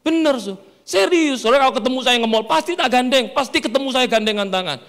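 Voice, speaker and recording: During a sermon, a middle-aged pastor tells stories in a high, very lively voice that jumps around, speaking quickly. He jokes with and teases the congregation, his words echoing through a reverberant church hall.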